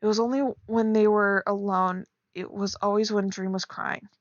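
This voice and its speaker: A streamer critiques fan fiction while reading it aloud, keeping the chat casual, teasing and blunt, with sarcastic asides. She speaks at a moderate pace in a mid-range voice with little pitch movement; the audio is lo-fi with no room sound.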